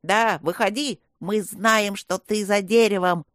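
A woman's voice: medium pitch, fairly even intonation, measured pace, no room sound, clean studio sound, lightly acted. A woman voicing a dull-witted male bandit who lisps through missing front teeth and panics easily. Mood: dim panicky. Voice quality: lisping.

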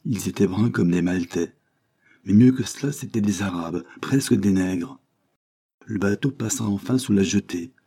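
A man with a low, warm voice narrates a classic novel as an audiobook. His reading is measured and expressive. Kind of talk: scripted literary narration.

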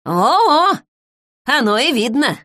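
A woman voicing a sharp-tongued, wary elderly village widow who talks bluntly and mockingly. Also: high voice, big pitch swings, slow, dry recording, clean studio sound, pitched above the performer's own voice, heavily acted. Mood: curt, mocking.

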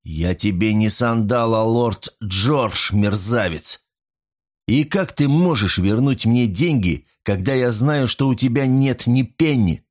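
An indignant young lord, voiced by a male narrator blusters and exclaims at a cheat. His pitch leaps up on each outburst. It is an audiobook scene. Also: expressive, takes it slowly.

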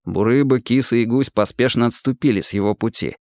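A man reading an audiobook in lively, expressive narration. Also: mid-range voice, a little fast, no room sound, studio quality. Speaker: audiobook reader. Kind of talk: scripted narration.

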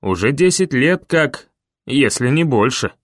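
A man voicing a calm, stern older leader who speaks in a measured, grave way. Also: medium pitch, no echo, clean studio sound, natural voice.

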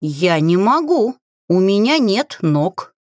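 A woman voicing a grumpy female talking spellbook in a creaky, whiny voice, complaining in drawn-out words. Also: medium pitch, sing-song, a little mellow, no echo, clean studio sound. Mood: sulky.

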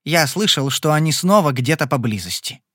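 A man voicing a charming young gambler in an audiobook, smooth and mocking. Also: on the high side, lively intonation, normal speed, a bit bright, no echo, studio quality. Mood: cool. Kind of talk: audiobook character voice.

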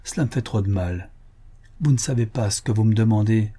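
A man's voice: fairly low pitch, a little fast, mellow, slightly rough. A man reading the part of a guilt-ridden young fiancé, urgent and tormented. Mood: anguished. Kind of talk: audiobook character reading.

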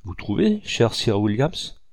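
A man's voice: on the low side, very animated, a little slow, darkish tone, no echo, clean studio sound, heavily acted. A man voicing a tough male hunter who talks in a mocking, teasing way.

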